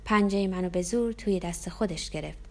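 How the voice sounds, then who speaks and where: A woman's voice: on the low side, darkish tone. Female audiobook narrator, tense dramatic first-person story reading.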